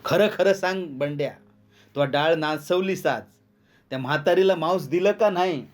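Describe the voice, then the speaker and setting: A man voicing an angry, quarrelsome young village man who shouts in rustic dialect. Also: on the high side, moderate pace, pitched above the performer's own voice, lightly acted.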